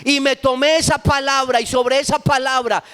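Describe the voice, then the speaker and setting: A middle-aged man, preaching a sermon as pastor with impassioned storytelling that rises at times to shouts. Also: extremely high pitch, little pitch movement, moderate pace.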